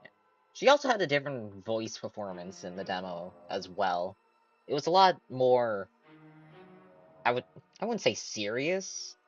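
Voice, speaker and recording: A casual game streamer with a very lively, swinging pitch. The commentary is chatty and playful, recorded a little dull with music behind it. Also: a little slow, pauses often.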